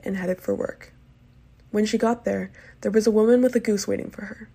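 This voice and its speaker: A nineteen-year-old woman from Palo Alto, California, gives a plain, unadorned dialect sample for an archive, reading and talking. Her medium-pitched voice is creaky and warm with a breathy edge.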